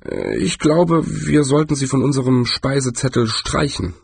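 A man's voice: a little high, animated, a little slow, husky, dry recording, voice pushed up. A man voicing a nervous, bitter male wizard who bluffs his way through. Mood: nervous grumbling.

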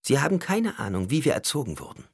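A man voicing a haughty young noblewoman in an audiobook, sharp and indignant. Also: mid-range voice, huge pitch swings, quick pace, breathy edge, voice pushed up, exaggerated voice. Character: fierce young noblewoman, haughty and quick to anger. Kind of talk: audiobook character voice.

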